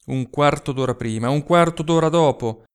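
A man's voice: a little high, moderate pace, clear, resonant tone, lightly acted. A man reading the lines of a resolute young lover in a story, speaking urgently and insistently with a raised voice.

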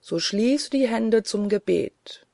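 A reader voicing a commanding angel spirit in a gothic audiobook, with a slow, solemn, prophetic delivery. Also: mid-range voice, expressive, gravelly, darkish tone, no echo, studio quality, pitched above the performer's own voice.

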